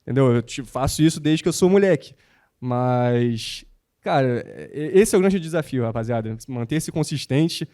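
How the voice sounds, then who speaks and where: A young man speaks as a panel guest, full of motivational energy and casual slang. His voice has a mellow, dark tone. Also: medium pitch, moderate pace. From born in the United States, raised in Rio de Janeiro. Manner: animated and motivational, slangy with frequent "cara" and "pô". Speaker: guest, basketball content creator. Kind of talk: panel talk on stage.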